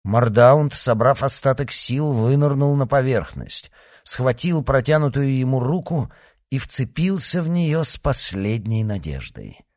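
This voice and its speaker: A man narrating an audiobook with an expressive, dramatic reading. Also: mid-range voice, unhurried, no echo, clean studio sound. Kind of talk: scripted narration.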